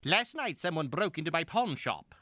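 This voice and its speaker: A man's voice: a little high, sing-song, normal speed, bright, forceful tone. An actor playing a crusty, curt old male pawn shop owner in a game. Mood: complaining. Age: older. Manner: gruff and curt. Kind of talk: 1990s game voice acting.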